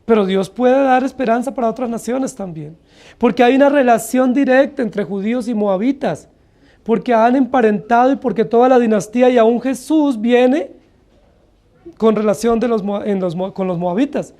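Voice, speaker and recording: Speaking at a normal speed in an extremely high, mellow voice, a Colombian-accented pastor delivers an expository sermon, earnestly posing one rhetorical question after another to the congregation.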